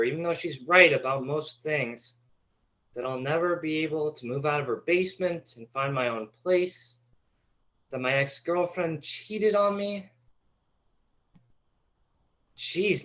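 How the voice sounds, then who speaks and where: A man's voice: on the high side, a bit bright, lo-fi sound. A man playing a nervous, floundering young first-time comic, stammering awkwardly through a stand-up monologue.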